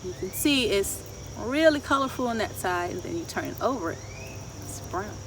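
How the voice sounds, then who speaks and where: A garden educator in her thirties leads children's story time in a wooded garden, speaking at normal speed in a mid-range voice. She poses questions to the young kids in a sing-song, expressive tone while insects chirr in the clear outdoor background.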